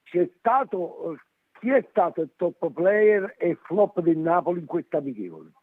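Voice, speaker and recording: A man's voice: high voice, animated, normal speed. A man calling in to a sports phone-in show over a poor phone connection, hesitant and checking whether he can be heard. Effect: tinny poor phone-line connection. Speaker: radio call-in caller. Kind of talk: casual call-in chat about football.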